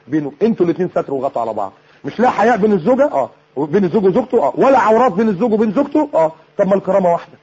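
Raspy fast-talking Egyptian preacher. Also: male voice, high-pitched, warm tone. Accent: Egyptian Arabic. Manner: exhorting, keeps throwing rhetorical questions at listeners. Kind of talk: colloquial sermon on marriage. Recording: dull lo-fi recording.

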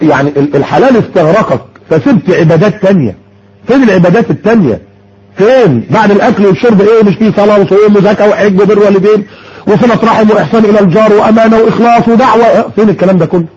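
A man's voice: sits high, expressive, very fast, a little mellow, husky. A man with an Egyptian Arabic accent preaching a sermon, firing rhetorical questions and mockingly repeating words. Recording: muffled lo-fi audio.

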